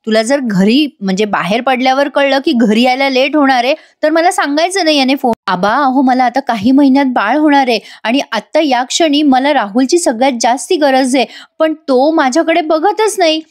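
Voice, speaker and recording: A woman voicing an angry pregnant young wife who scolds her husband with rapid complaints. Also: high-pitched, natural voice. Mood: angry complaining.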